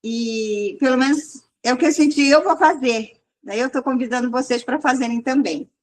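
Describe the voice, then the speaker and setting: A woman's voice: high-pitched, moderate pace, a little hiss or hum. A woman sharing a casual, rambling testimony with a church group, restarting often. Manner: rambling, restarts often, quotes people in raised voice. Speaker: group leader.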